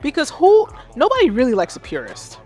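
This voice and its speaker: Woman in her 30s doing a music feedback livestream, joking about getting old, chatty and animated, faint music behind her. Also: sits high, fairly quick. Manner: animated, self-mocking, talks to chat. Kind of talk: casual livestream commentary.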